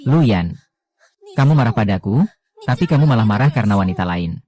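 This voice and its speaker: A man reading the dialogue of a dubbed drama, voicing every role in one even, low-key delivery. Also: brisk. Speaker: voice-over reader of a drama.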